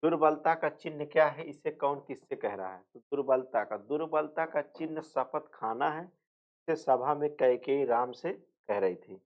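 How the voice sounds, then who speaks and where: A man's voice: a little high, measured pace. A male teacher giving an exam revision lecture, repeating points, asking and answering his own questions, and slipping into rural dialect for jokes. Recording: tinny phone-like sound.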